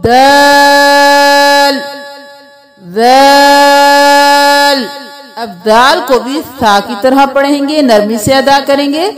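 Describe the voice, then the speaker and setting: A woman teaching a slow Quran reading lesson, explaining each letter patiently and drawing out the letter sounds for learners to repeat. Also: high voice, faint music behind. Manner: patient step-by-step instruction.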